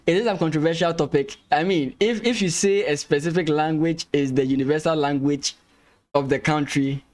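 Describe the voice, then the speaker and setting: A Ghanaian man whose native language is Ga commentates chess lines on a live stream, his voice a little high. He thinks aloud, restarting hesitantly and laughing easily.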